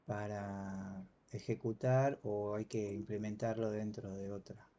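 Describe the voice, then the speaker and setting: Man, mellow voice, teacher on a video call, hesitant. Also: on the low side, a little slow. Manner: relaxed, hesitant, many fillers. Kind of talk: casual online class.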